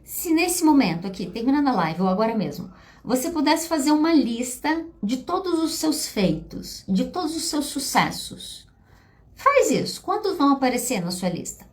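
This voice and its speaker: A woman's voice: on the high side, darkish tone. A Brazilian woman, a psychologist hosting a podcast, talking casually and confidingly to her listeners. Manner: chatty, confiding, addresses listeners as "gente". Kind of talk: casual personal talk to listeners.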